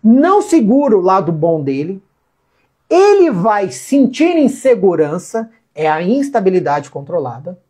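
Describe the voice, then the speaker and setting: A woman's voice: medium pitch, very animated, a little slow, warm tone, breathy edge. A woman with a Brazilian Portuguese accent giving an informal physiotherapy lecture, repeating key points and answering her own questions. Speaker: physiotherapy instructor.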